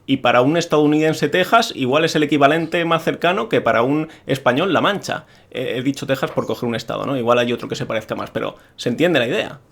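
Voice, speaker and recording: A man's voice: fairly high pitch, fairly bright tone. A man from Spain with a Peninsular Spanish accent, delivering an opinionated monologue as a video creator, with strong, emphatic criticism.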